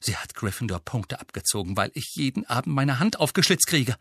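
A man's voice: medium pitch, animated, a little fast, a bit bright, breathy edge, no room sound, clean studio sound. A man reading aloud, voicing an indignant, hot-tempered teenage boy. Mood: bitter. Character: angry teenage boy wizard.

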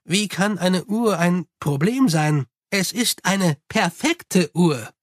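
A man's voice: sits high, takes it slowly, no room sound. A man voicing a nervous young male clockmaker in an audiobook, hesitant and earnest with a dry close sound.

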